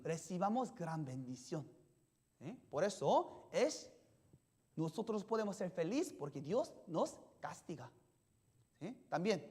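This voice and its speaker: A pastor preaching a sermon in simple, halting sentences. The pastor keeps asking the congregation questions and checking in with "yes?". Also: medium pitch, darkish tone. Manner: simple, halting phrasing with restarts.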